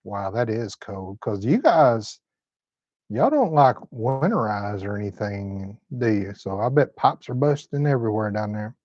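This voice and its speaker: A man's voice: fairly low pitch, big pitch swings, unhurried, a little mellow, dry recording. Folksy southern guy, 50, chatting on a home livestream, kinda muffled dry audio. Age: 50s. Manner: folksy, laid-back Southern talk. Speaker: host. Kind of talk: live-stream chat reading comments. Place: his home.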